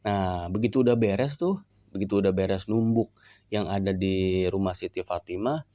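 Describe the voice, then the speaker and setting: A man's voice: sits low, moderate pace, mellow, no room sound. A man with a Sundanese accent teaching from a religious book, retelling it in folksy everyday talk. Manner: folksy, explains in plain talk. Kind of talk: kitab reading lesson. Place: shrine visit.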